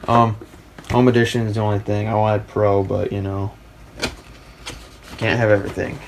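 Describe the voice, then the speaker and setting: A man hosting a casual tech video, thinking aloud as he unpacks old software and gets an old computer ready. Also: fairly low pitch, flat delivery, moderate pace, gravelly. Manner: rambling, hesitant, thinking aloud. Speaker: tech hobbyist host. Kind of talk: casual commentary while unboxing and building a PC. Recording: noisy home recording.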